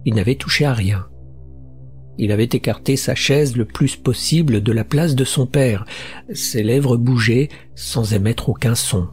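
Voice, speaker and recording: A man narrating a horror short story in a steady, measured reading with tense build-ups. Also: mid-range voice. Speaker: audiobook narrator. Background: faint music.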